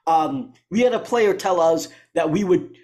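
A man's voice: a little high, lively intonation, measured pace, a little mellow. A man co-hosting a casual sports podcast, pushing back bluntly and swearing as he argues his point. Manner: blunt, argumentative, profane. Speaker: podcast co-host.

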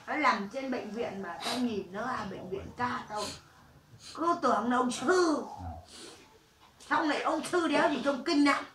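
A woman's voice: a little high, a little slow, crowd noise. A woman spirit medium speaking bluntly and coarsely during a séance, scolding the family. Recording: echoey room, mic far off.

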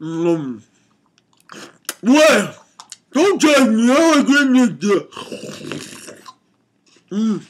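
Man, very high pitch, slow drawl, rambling comic game review, muttering, angry outbursts. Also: sing-song. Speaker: comedy show host.

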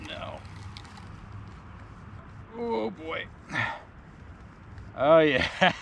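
A fishing vlogger in his thirties, with a high voice, some vocal fry, and slight background noise, explains a bait rig and narrates his fishing from a pontoon boat outdoors. A chest-mounted action camera records it as casual how-to narration. His slow, easygoing instruction turns excited when a fish bites.

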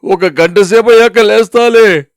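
A man's voice: on the high side, expressive, moderate pace, no echo, clean studio sound, lightly acted. A man doing a grumbling sick husband. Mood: whining. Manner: whining, complaining.

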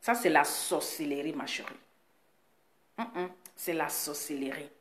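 A woman's voice: deep voice, measured pace. Scolding woman in an echoey room. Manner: scolding, repeats rhetorical questions. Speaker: online commentator. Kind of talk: ranting live commentary. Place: indoors in a residence.

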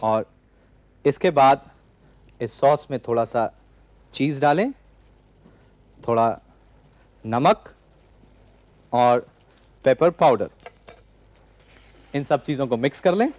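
A man in his forties hosting a TV cooking show, calmly explaining a recipe step by step from a studio kitchen set. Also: medium pitch, slow pace, pauses often, no echo. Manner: calm step-by-step instructing. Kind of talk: cooking demonstration.

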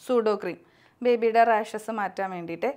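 A young mother vlogs from her home nursery, chatting casually while showing off her baby setup and sing-songing to soothe a crying baby. Her medium-pitched voice is a little mellow and fairly quick, and someone else is running the camera.

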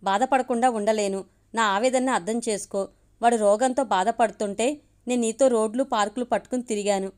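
A woman's voice: a little high, steady tone, brisk, a little mellow, natural voice. A woman voicing a young father who is shaken and guilt-ridden, speaking in a trembling, tearful way in a storybook reading. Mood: anguished.

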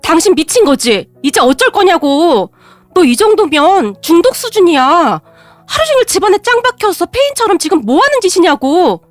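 A woman's voice: high-pitched, sing-song, fairly quick, fairly bright tone, no echo, soft background music. A woman voicing a fed-up young wife who snaps angrily at her husband, in a storybook narration. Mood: furious. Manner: snapping, lashing out.

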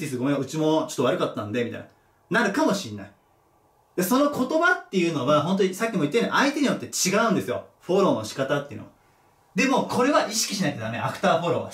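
A man's voice: high voice, a bit bright. A male teacher giving a casual lecture, thinking aloud and correcting himself as he goes. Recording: echoey room, mic at a distance.

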